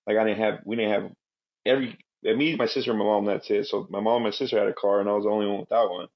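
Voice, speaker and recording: Speaking at a racing clip, this Marine veteran in his thirties spins casual stories as a podcast guest, loose and meandering. Born in Guatemala and brought up in Southern California, he has a fairly low, fairly level voice, captured in lo-fi sound.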